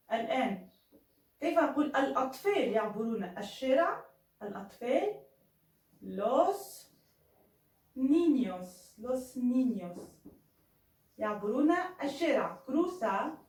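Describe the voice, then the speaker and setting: A woman teaching Spanish in an online lesson, saying Spanish phrases slowly and clearly between quicker explanations. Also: on the high side, roomy sound, distant mic, poor audio.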